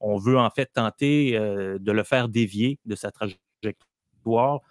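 A man's voice: fairly low pitch, takes it slowly, dry recording. A man explaining a news item on morning radio, hesitant, with many fillers and restarts. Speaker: radio columnist. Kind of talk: casual radio commentary.

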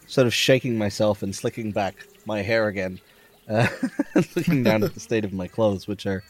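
A man plays a tabletop horror game, narrating his character's moves with wry, hesitant asides. His voice sits fairly low. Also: moderate pace. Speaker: player.

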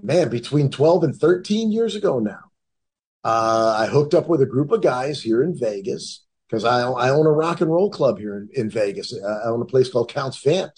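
A man's voice: medium pitch, expressive, normal speed, a little mellow, breathy edge. A middle-aged man from the Cleveland and Detroit area, telling his own story in a casual, rambling way with many restarts.

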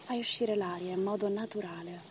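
A woman leading a guided breathing meditation as instructor, in short measured phrases and counts with pauses between them. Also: medium pitch, fairly even intonation, noisy background.

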